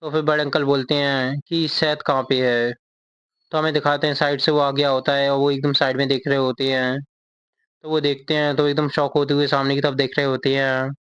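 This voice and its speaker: A man's voice: mid-range voice, completely flat delivery, a little fast, fairly bright tone, clear, resonant tone, no room sound, lo-fi sound. A man casually retelling a manga chapter as a recap narrator. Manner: reads character lines in the same plain voice.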